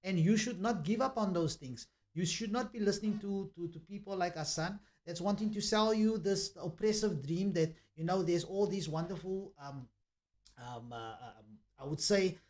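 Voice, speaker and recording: A man giving a preachy commentary monologue, repeating himself and filling pauses with ums. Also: high-pitched, darkish tone. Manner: preachy, repetitive, with many fillers.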